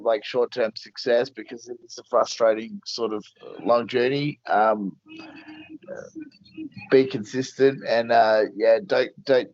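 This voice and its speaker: A man speaks as a fight coach in a casual interview, in a blunt, plain-spoken way. His pitch sits in the middle range. The sound is dry, close and a little dull. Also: no room sound.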